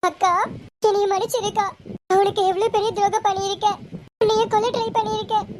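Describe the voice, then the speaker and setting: A woman voicing Deepika, an anxious, remorseful young woman in a serial drama, talking in a pleading, emotional way. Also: steady tone, brisk, slight background noise.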